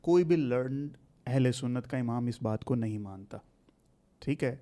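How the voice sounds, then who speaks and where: A man in his thirties hosting a podcast and debating his guest heatedly, pushing back and quick to object. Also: medium pitch, dark tone. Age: 30s. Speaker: podcast host.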